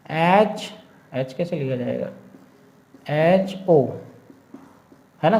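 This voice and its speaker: A man's voice: high voice, darkish tone. Man teaching grammar step by step. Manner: explains step by step, asks the class rhetorical questions; spells out letters slowly. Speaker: English teacher. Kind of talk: classroom-style grammar lesson.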